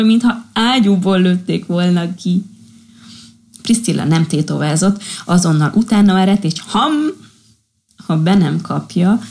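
A woman narrating a children's storybook in a calm, expressive reading style. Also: on the low side, gravelly.

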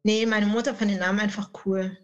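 As a guest on a podcast, this author, a southern German woman in her late thirties, keeps the interview casual, playful and colloquial. Her medium-pitched voice has a flat, brisk delivery, and the highs in the audio are cut off.

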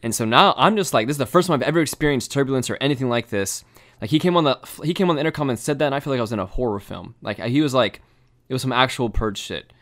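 A young man telling a story in casual chat, animated and swearing, full of fillers. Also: mid-range voice, very fast.

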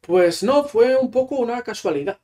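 A Spanish teacher from Catalonia, a native Catalan speaker, is a guest in a casual interview chat. He has a high voice and a relaxed manner, going on at length with fillers at a moderate pace.

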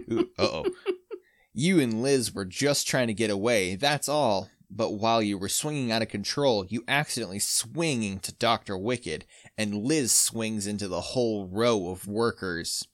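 A man's voice: fairly low pitch, normal speed, few pauses, dry recording, clean studio sound. A man hosting a podcast, reading a story aloud with jokey asides. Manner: laughs often, jokey asides. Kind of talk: casual read-aloud with banter.

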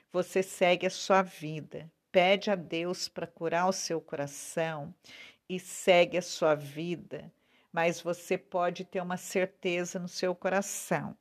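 A woman with a Brazilian Portuguese accent giving a devotional talk straight to the viewer, earnest and deliberate, drawing out her key words and often checking in with "né?". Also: on the low side. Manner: slow, earnest, drawn-out emphasis, frequent "né?". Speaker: preacher.

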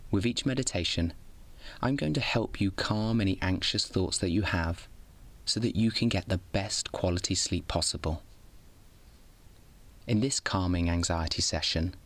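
A man with a low voice guides a bedtime meditation in the manner of a sleep story narrator. He gives each instruction calmly and without hurry, keeping a soothing tone. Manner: calm, soothing, unhurried instruction.

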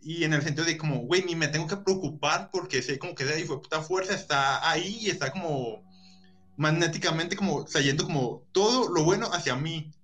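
A man's voice: fairly high pitch, brisk, fairly bright tone. A Colombian man chatting casually as a guest, rambling with many fillers. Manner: rambling, filler-heavy, earnest. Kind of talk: casual chat.

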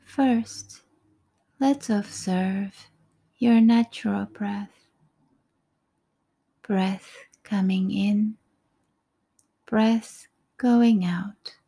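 A woman guides a breathing meditation at an extremely slow, soothing pace. Her voice is soft and breathy, often near a whisper, with a mellow tone and frequent creak. She leaves calm pauses between short phrases. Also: mid-range voice.

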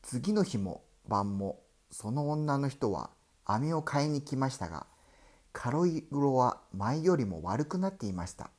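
Male storyteller, read-aloud folk tale, unhurried and deliberate. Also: mid-range voice, big pitch swings, darkish tone.

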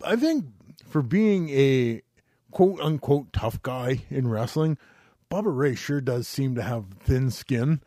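Male podcast co-host, casual and excitable, swears freely, acts out quotes, dry recording. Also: medium pitch, takes it slowly, no room sound. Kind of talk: casual chat.

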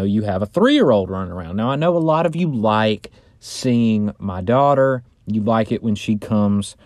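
Male podcast host, mellow low voice, informal and jokey solo chat, recorded dry inside a bedroom closet. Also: dry recording. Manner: informal, rambling, joking, sweary.

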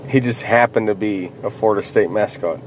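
A man's voice: lowish voice, fairly quick, slight background noise, low-quality recording. A man co-hosting a casual podcast, reading news headlines aloud and laughing often. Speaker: podcast co-host. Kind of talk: casual chat.

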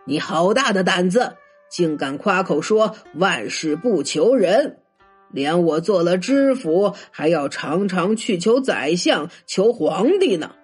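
A woman's voice: medium pitch, expressive, moderate pace, breathy edge, faint music behind. A woman voicing an angry, pompous male prefect who scolds and blusters.

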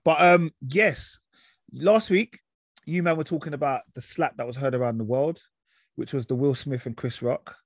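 A man's voice: mid-range voice, normal speed, no echo. London roadman-accented man hosting a chat. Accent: London, urban street. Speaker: podcast host. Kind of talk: casual chat, street slang.

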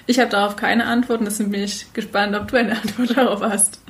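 A woman's voice: mid-range voice, flat delivery, fast. A young woman talking as a guest on a podcast, speaking casually and thoughtfully with some hesitations. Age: young adult.

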